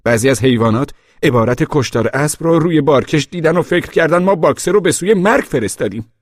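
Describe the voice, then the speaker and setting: A man's voice: mid-range voice, sing-song, dark tone, husky, no room sound, clean studio sound, voice pushed up. A man voicing a sly male pig propagandist in an audiobook, theatrical and falsely mournful. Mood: scolding. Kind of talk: audiobook character voice.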